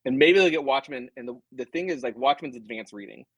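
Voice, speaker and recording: A man's voice: mid-range voice, quick pace, slightly rough, no room sound, rough recording. A middle-aged man, a comics writer guest, chatting casually and animatedly, drifting into tangents and acting out quoted customers. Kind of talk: casual chat.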